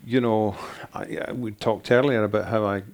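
Older guy, lowish voice, thinks aloud and restarts a lot. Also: fairly even intonation. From Scotland. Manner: thoughtful, halting restarts. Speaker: author guest. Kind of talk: interview answers.

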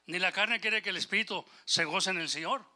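Male preacher, fiery sermon delivery, bright ringing tone, a bit higher voice. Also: fairly quick. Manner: impassioned, rising and falling in volume, quotes scripture and God's voice; switches briefly into English phrases. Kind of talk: Spanish-language sermon.

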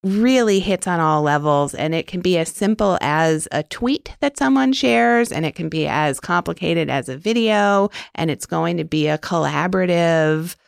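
Gravelly, smooth-voiced woman interview guest. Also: lowish voice, animated, moderate pace, hardly any pauses, no echo, clean studio sound. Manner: earnest, enthusiastic, talks with many fillers. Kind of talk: conversational interview answers.

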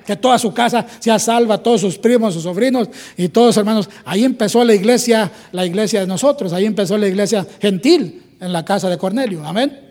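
A man's voice: high-pitched, a little fast, a little mellow. A man from Mexico with a Mexican Spanish accent preaching a sermon, often breaking in with calls to the brethren and amens. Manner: repetitive, calls "hermanos" and "amén" often. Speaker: pastor.

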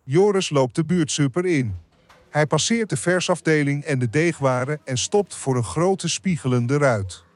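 Calm male storyteller, slightly high. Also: measured pace, dry recording. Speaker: narrator. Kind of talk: scripted narration.

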